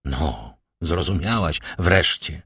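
A man's voice: a bass voice, expressive, takes it slowly, pushed and bright, slightly rough, no echo, studio quality, exaggerated voice. A man reading aloud as a grave, fatherly nobleman, speaking in a solemn, reassuring way.

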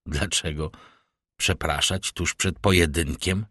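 A man's voice: low voice, fairly even intonation, slow, fairly bright tone, slightly rough, no echo, clean studio sound, heavily acted. A man reading the part of an earnest, lovestruck young army captain. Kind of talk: audiobook character reading.

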